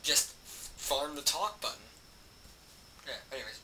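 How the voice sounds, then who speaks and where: A man's voice: fairly high pitch, expressive, a little slow. A man chatting casually beside the player, offering offhand, knowing game tips. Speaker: friend watching the playthrough. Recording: distant voice with loud background noise.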